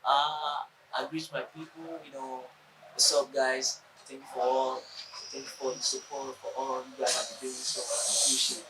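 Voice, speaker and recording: A man's voice: mid-range voice, level tone, unhurried. A man from Togo, a guest artist, giving short agreeing answers in a casual interview. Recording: echoey room, mic far off, loud noise.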